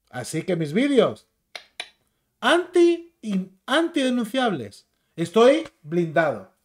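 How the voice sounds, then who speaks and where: A man's voice: fairly high pitch, a little mellow. A man with a Spain Spanish accent ranting as a YouTube commentator, combative, mocking and insulting.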